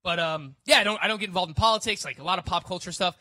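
Bright-voiced playful young man. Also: high-pitched, very fast, no room sound. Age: 20s. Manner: playful, self-mocking, laughs often. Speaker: co-host. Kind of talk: casual podcast chat.

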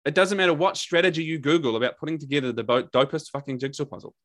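A coach appearing as a podcast guest talks with a New Zealand accent in a casual conversation. He's candid and energetic, swearing freely and repeating words for emphasis, in a fast, a little high, fairly bright voice.

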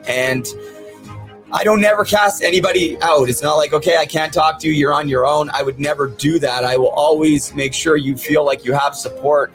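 A man with a slightly high, somewhat bright voice hosts a podcast, his speech marked by missing teeth. He talks to viewers casually, sincerely and plainly.

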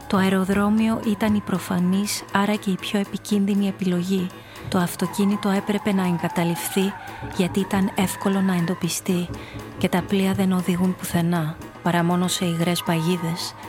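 An actress in a radio drama plays a hard-boiled femme fatale narrating her own downfall, speaking in a measured, confessional manner. Her mid-range voice stays close to an everyday voice.

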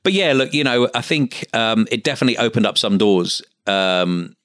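A man's voice: medium pitch, animated, normal speed, a bit bright, smooth, dry recording, studio quality. A middle-aged man from Essex with an Essex accent, talking casually as an interview guest in a chatty, stop-start way. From Essex, England. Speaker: interview guest, medical finance business owner.

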